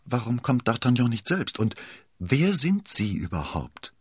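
A man's voice: mid-range voice, big pitch swings, measured pace, slightly rough, dry recording, clean studio sound, voice pushed up. A man voicing a shy, naive young woman in a storybook reading. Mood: timid. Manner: shy, then eager.

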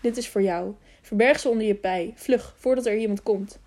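A woman reading the part of a young noble girl who talks in a hushed, urgent way, in an audiobook. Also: fairly high pitch, normal speed.

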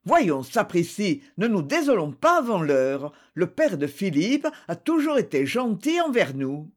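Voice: mid-range voice, sing-song, unhurried. A reader voicing a sulky middle-aged innkeeper who grumbles defensively at his wife, in an audiobook. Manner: grumbling, muttered replies.

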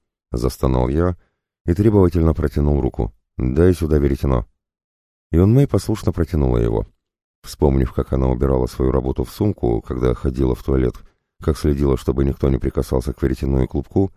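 A man narrating a fantasy audiobook in the first person, calm and steady. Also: very deep voice, no room sound, clean studio sound.

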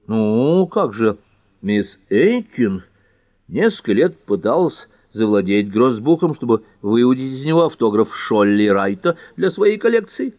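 A man's voice: mid-range voice, sing-song, a little slow, dry recording, highs cut off. A man voicing a hesitant, flustered small-town police chief in an audiobook. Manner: hesitant, muttering. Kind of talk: audiobook character reading.

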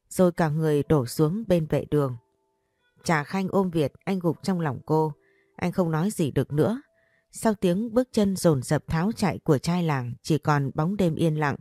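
A woman narrating a story in a steady reading voice. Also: sits low, no room sound, studio quality. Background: faint music.

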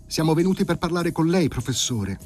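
A man's voice: on the high side, expressive, brisk, darkish tone, soft background music, voice pushed up, lightly acted. A man playing a hostile young committee leader who speaks with tight, barely held fury. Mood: indignant, hostile.

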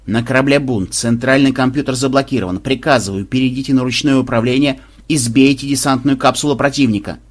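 A man voicing a reckless old starship captain who barks his orders loudly. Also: medium pitch, fairly even intonation, fairly quick, few pauses, natural voice. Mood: commanding. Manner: loud, barking commands.

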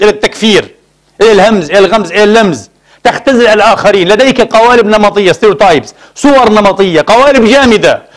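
A high-voiced man delivers a Friday sermon with emphasis, rattling off rhetorical questions and repeating phrases while calling the congregation his brothers.

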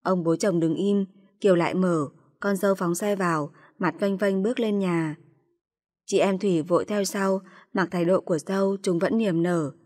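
A woman's voice: lowish voice, moderate pace. Woman narrating a family drama. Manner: even, storytelling narration. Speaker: storyteller.

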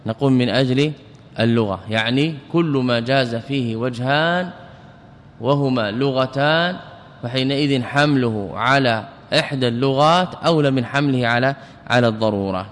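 A man's voice: medium pitch, moderate pace, a bit bright. Methodical male grammar teacher, reverberant hall. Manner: methodical, repeats key terms. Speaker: Islamic scholar teaching Arabic grammar. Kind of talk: recorded classical lesson.

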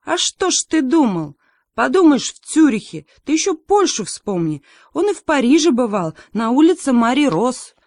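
Woman reading a fired-up old grandpa in a storybook, mellow dry voice. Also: a little high, animated, moderate pace, dry recording, voice pushed up. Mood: proud. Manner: declaiming, indignant. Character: indignant old grandfather, devoted communist.

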